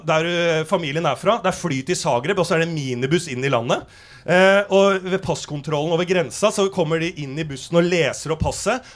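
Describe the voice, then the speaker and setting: A male stand-up comedian on a theater stage, telling a story in a brash, animated way with plenty of swearing. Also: on the high side. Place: theater stage before a live audience.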